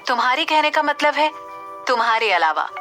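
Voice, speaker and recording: A woman narrator voicing a confident, poised young woman who speaks calmly and with a slightly haughty edge. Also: high-pitched, moderate pace, soft background music, voice pushed up, exaggerated voice. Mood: cool. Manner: calm, composed, slightly haughty.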